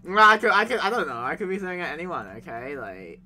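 A boisterous, excitable gamer leading friends in casual, joking game chat. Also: medium pitch, fast talker. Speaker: player leading a group game. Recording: music behind the voice.

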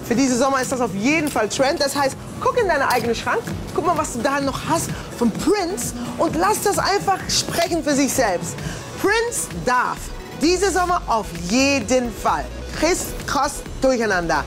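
A woman's voice: sits high, normal speed, over music. A woman hosting as a stylist on a city street, talking in an upbeat way and mixing in English phrases. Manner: lively, mixes in English phrases. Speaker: stylist and host. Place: busy city street outdoors.

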